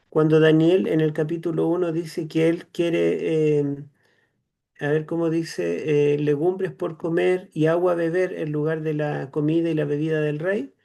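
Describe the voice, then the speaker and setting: Teaching scripture online, a seminary instructor with a Chilean Spanish accent talks slowly, leaning on "eh" between thoughts and tag questions to check understanding. His voice is dark in tone, a little high, and edged with gravel.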